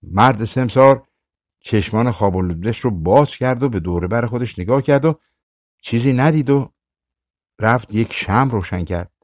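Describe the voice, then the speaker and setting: A man narrating a folk tale in a calm, measured storytelling voice as an audiobook reader. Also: medium pitch, no room sound, clean studio sound. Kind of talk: scripted narration.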